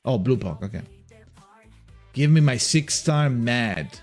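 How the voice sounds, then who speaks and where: A man's voice: mid-range voice, animated, takes it slowly, a little mellow, faint music behind. A man with an Italian accent, hosting a livestream and chatting casually with his viewers as he reads their messages aloud. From Italy. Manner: rambling, reads chat aloud, frequent restarts. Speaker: livestream host.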